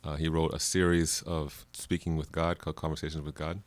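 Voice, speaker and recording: A man's voice: rumbling low, fairly quick, no echo. A man from Jamaica, a musician guest on a radio show, talking casually with frequent laughs and fillers. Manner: laughs often, relaxed rambling with many fillers. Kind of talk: casual interview chat.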